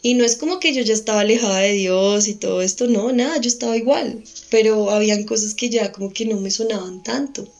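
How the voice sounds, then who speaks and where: A young woman speaks as a guest on an interview podcast. She recounts her story haltingly, trailing off and restarting her sentences as she goes. Her voice sits at an ordinary middle pitch. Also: a little mellow. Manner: hesitant, halting, with frequent restarts.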